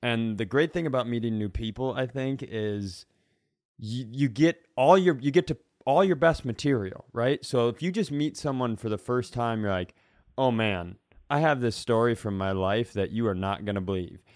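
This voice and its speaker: Co-hosting a comedy podcast, a man trades casual banter and tells rambling, profanity-laced stories. He speaks at a moderate pace in a mid-range, darkish voice, captured in a clean studio without echo.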